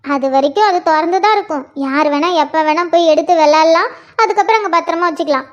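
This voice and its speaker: In a one-person comedy skit, a performer speaks very fast in a very high-pitched voice as a chatty schoolgirl eagerly telling her sister about school. The lo-fi recording sounds dull.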